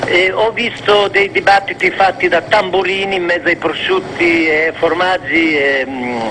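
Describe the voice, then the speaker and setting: A man talking casually on radio in a halting, hesitant way. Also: high voice, fairly even intonation, background noise.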